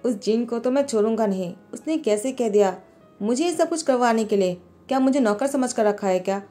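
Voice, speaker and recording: A woman's voice: on the high side, animated, a little fast, warm tone, faint music behind, lightly acted. Woman playing a grumpy, bossy young husband. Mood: irritated. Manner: irritated, scolding. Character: short-tempered young husband, grumbling and bossy.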